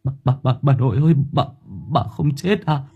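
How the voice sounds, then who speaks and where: Guy doing a scared young grandson, stammering, a bit higher than his own voice. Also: animated, normal speed, breathy edge, phone-quality sound. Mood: frightened. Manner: stammering, pleading.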